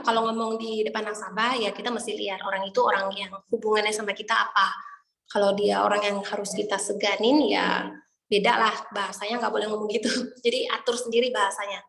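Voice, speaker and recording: A woman's voice: fairly high pitch, vocal fry, a bit bright. A woman giving a casual insurance sales training talk, explaining with chatty examples and asides. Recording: echoey room with long reverb.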